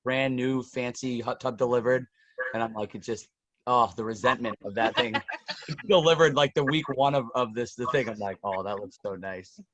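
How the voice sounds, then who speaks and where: A man's voice: medium pitch, normal speed, a bit bright, no room sound. A man, a fitness coach chatting casually on a group video call, rambling and laughing through his stories.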